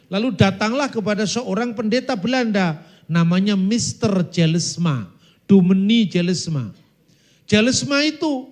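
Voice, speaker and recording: Male preacher with a high voice, storytelling sermon style, speaks straight to the congregation. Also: darkish tone. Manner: storytelling, addresses the audience as brothers and sisters; breaks into sung demonstrations. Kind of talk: church teaching talk.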